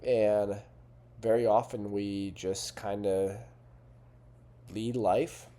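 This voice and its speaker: Speaking as a fitness and life coach to camera, this man has a lowish, dark voice, drawing out his words with fairly even intonation. His delivery is earnest and conversational, with frequent rhetorical questions.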